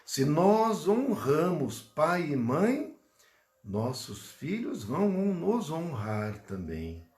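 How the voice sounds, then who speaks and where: Animated Brazilian man giving a spiritual talk. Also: fairly high pitch, slow. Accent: Brazilian Portuguese. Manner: animated storyteller who turns gentle and hushed in prayer. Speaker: Spiritist lecturer. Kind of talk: spiritual talk with storytelling and prayer. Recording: roomy echo.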